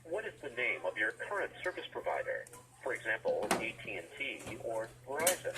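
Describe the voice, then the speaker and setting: A man's voice: medium pitch, sing-song, a little fast, far from the mic. Recorded male phone-menu voice on speaker. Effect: recorded phone message played over a speakerphone. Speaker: automated phone system voice. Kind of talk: automated voice menu prompts. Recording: noisy speakerphone from across the room.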